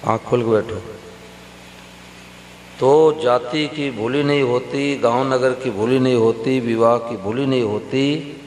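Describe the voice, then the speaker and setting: A man giving a devotional sermon, telling stories slowly and speaking straight to the gathered listeners. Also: medium pitch, fairly even intonation, darkish tone. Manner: slow, storytelling, addresses the audience directly. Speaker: preacher. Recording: roomy hall reverb with faint hum.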